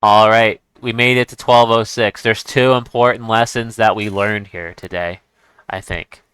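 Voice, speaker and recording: A man's voice: lowish voice, fairly even intonation, a little slow, a bit bright, clean tone, no room sound. A man giving casual chess commentary as he plays, thinking aloud and restarting his sentences. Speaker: chess streamer.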